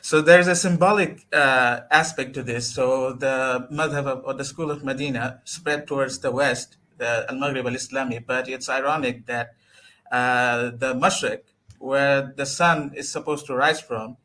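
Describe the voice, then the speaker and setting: A man from Bangladesh, speaking as an interview guest, earnest and often pausing to search for words. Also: medium pitch, fairly even intonation, sharp tone, a little hiss or hum. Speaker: guest, religious scholar. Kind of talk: live online interview.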